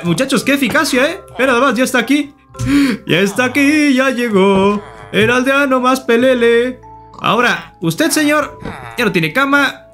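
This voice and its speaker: A man's voice: sits high, pushed and bright. A man doing playful Minecraft gameplay commentary, joking and teasing the game characters as he plays. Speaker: gaming YouTuber.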